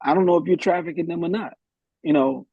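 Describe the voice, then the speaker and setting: A man's voice: a little high, quick pace, breathy edge, dry recording, phone-quality sound. A man, a guest in a live podcast discussion, thinking aloud in a hesitant way with many restarts.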